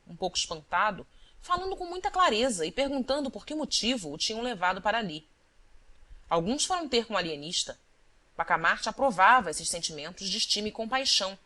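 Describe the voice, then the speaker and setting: A woman narrates scripted literary text for an audiobook, her storytelling measured and deliberate. Her voice is mid-range with a fairly bright tone.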